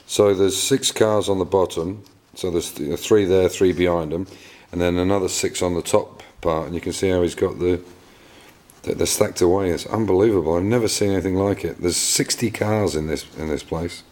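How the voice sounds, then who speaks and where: The speaker is a middle-aged man from England with an English accent and a low, a little mellow voice, going at a moderate pace. A car restorer vlogger, he chats casually about his car work with many fillers and repeated words in a casual workshop vlog recorded in an echoey garage with faint noise.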